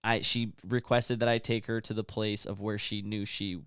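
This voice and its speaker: A man tells a long story on a casual podcast, rushing through some parts and drawing others out. His voice is smooth and clear. The sound is dry and close. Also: lowish voice, no echo. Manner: animated storyteller, quick bursts and drawn-out asides. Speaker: podcast co-host.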